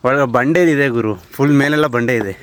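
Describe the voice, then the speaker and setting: A man's voice: mid-range voice, fairly quick, a crowd in the background. A man chatting casually to the camera on a temple road trip with friends, joking as he walks around outdoors. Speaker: vlogger. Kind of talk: casual travel vlog chat.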